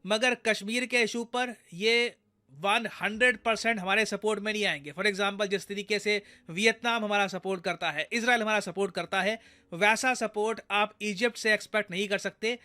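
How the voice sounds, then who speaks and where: A man's voice: high-pitched, fairly even intonation, moderate pace, bright, forceful tone. A young Indian man explaining foreign affairs news, talking straight to his viewers in a conversational way. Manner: conversational, addresses viewers directly.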